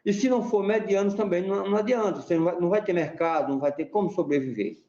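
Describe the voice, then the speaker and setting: Speaking rapid-fire in a high, warm voice, a middle-aged repentista and teacher explains things like a classroom instructor during an interview. He's chatty and didactic, often asking a rhetorical "né?", and the recording has a dull sound with room echo.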